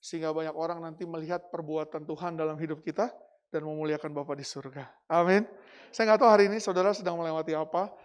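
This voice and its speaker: A middle-aged Indonesian pastor preaching in a conversational, animated storytelling manner. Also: male voice, a little high, quick pace. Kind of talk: sermon.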